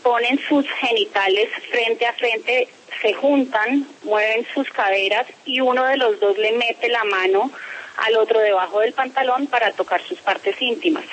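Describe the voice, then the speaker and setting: A woman's voice: on the high side, unhurried, a bit bright, slight background noise, rough recording. A woman being interviewed by phone about a complaint, speaking firmly and formally. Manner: firm, insistent, formal. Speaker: interviewee, parent making a complaint.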